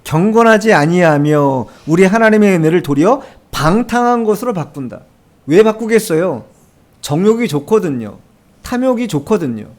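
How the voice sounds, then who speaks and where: A male pastor delivers a Sunday sermon with a notably high voice. He drives his points home with rhetorical questions and repeated phrases, speaking to a congregation in a church. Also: expressive, moderate pace. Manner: emphatic, repeats key phrases. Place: church sanctuary.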